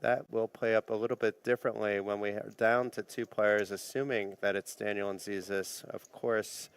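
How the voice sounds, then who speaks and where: A man's voice: fairly low pitch, smooth. A man doing easygoing live play-by-play commentary on a poker final table. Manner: easygoing play-by-play, light joking.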